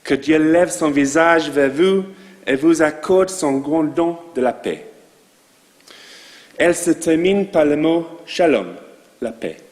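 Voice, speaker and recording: A man with a non-native accent in French, a rabbi giving a sermon to his congregation in a slow, measured way with asides to the listeners. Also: a little high, lively intonation, big-room sound. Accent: foreign accent in French. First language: not French. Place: synagogue.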